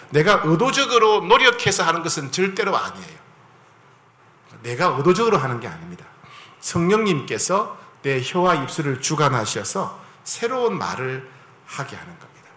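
Lively, bright-voiced male pastor preaching. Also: mid-range voice, reverberant. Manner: conversational preaching, asks the congregation for agreement. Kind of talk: sermon.

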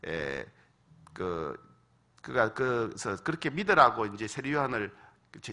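A man's voice: medium pitch, sharp tone. A male pastor preaching a sermon, acting out quoted voices and asking the congregation questions.

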